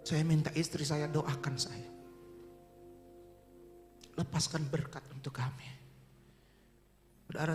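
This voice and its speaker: A middle-aged male pastor tells an emotional personal testimony from a church pulpit. His voice sits a little higher than most men's, and he speaks earnestly to the congregation. Soft music plays faintly behind him. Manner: emotional, earnest storytelling that addresses the congregation directly. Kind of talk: sermon testimony.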